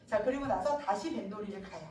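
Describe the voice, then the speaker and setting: A woman's voice: medium pitch, quick pace, echoey room, recorded from a distance, poor audio. A woman teaching a classic novel for exam prep, acting out the characters' lines in a casual, slangy way. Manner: animated, acts out characters' lines. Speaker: Korean literature teacher.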